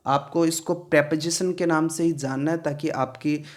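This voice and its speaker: A man teaching pronunciation in Hindi, explaining slowly, repeating words and often asking if it is clear. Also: on the high side, fairly even intonation. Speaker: English teacher. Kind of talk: pronunciation lesson.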